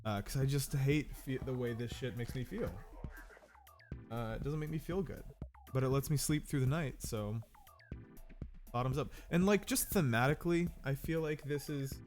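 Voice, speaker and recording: A man's voice: medium pitch, normal speed, a little mellow, faint music behind. A sick man with a nasal, stuffed-up voice, rambling casually and self-deprecatingly while livestreaming a game, a little profane. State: sick with a cold. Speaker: game streamer.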